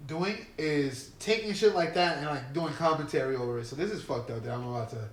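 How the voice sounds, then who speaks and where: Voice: mid-range voice, a little fast, roomy sound. A podcast co-host chatting casually, joking and slangy. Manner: joking, slangy, laughs a lot. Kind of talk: casual chat.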